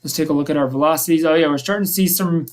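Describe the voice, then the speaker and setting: Male live weather host, voice a little high, unscripted severe weather commentary, somewhat halting and self-correcting as he analyses.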